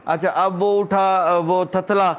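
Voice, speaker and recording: A man's voice: sits high, level tone. A middle-aged man from Pakistan, talking in a casual vlog monologue, ranting with scorn and indignation. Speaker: vlogger.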